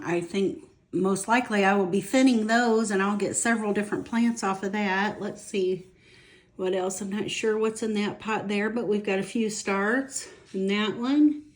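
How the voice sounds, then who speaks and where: A woman hosting a casual home vlog, chatty and relaxed with many ums. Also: medium pitch. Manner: talks while tasting, mouth full. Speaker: home cooking vlogger. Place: home kitchen and growing room. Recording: roomy home echo.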